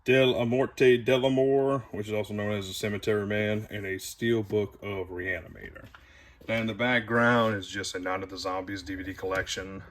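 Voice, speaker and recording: A man's voice: fairly low pitch, fairly even intonation, moderate pace. A man giving a casual, rambling tour of his movie collection, with audible heavy breathing. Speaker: video collector showing his shelves.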